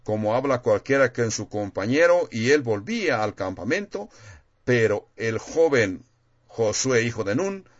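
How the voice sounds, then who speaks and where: A man's voice: mid-range voice, lo-fi sound. A man preaching a sermon in a plain, conversational way, reading scripture aloud and explaining it.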